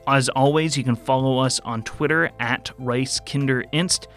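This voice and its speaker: A man's voice: mid-range voice, steady tone, unhurried, a bit bright, faint music behind. A man hosting a podcast, giving a friendly, informative sign-off. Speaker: podcast host. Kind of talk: show outro.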